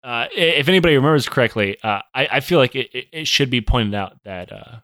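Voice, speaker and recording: A man's voice: medium pitch, expressive, fast talker, a bit bright, dry recording. A man co-hosting a casual history podcast, joking, swearing and rambling with lots of fillers. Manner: jokey, profane, rambling with many fillers. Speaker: podcast co-host.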